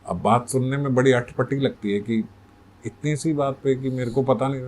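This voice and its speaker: A man's voice: medium pitch, steady tone, normal speed, darkish tone. A man telling a religious story in a sermon, conversational and full of rhetorical questions. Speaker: spiritual storyteller.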